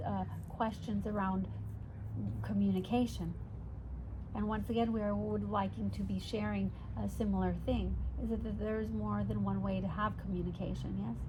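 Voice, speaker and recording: A woman's voice: medium pitch, close to an everyday voice. Seance medium: woman voicing a patient spirit teacher in trance, formal odd syntax, questioning tags, noisy ambience with birds. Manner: formal unusual syntax, ends statements with questioning "yes?". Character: Simon, a channeled non-physical spirit guide, patient teacher. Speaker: trance channel answering questions. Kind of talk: trance channeling, seance medium addressing sitters. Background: birds calling, ambient noise.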